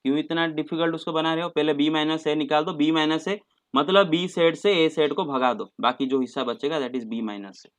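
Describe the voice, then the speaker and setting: A man's voice: fairly high pitch, steady tone, normal speed, a bit bright. A man teaching a maths class online, patient and coaxing, mixing English terms into his talk and calling students "beta".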